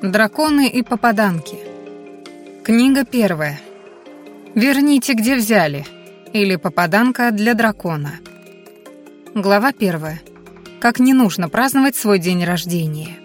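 A woman reading an audiobook aloud, giving the characters' lines a lively lift. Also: medium pitch, a little slow, long pauses, faint music behind. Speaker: audiobook narrator. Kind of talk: scripted audiobook narration.

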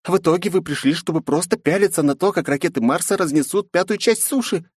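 A man voicing a sharp-tongued young woman sidekick who scolds her boss with sarcastic questions. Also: high-pitched, fast, slightly rough, dry recording, clean studio sound, pitched above the performer's own voice. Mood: reproachful. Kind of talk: audiobook character voice.

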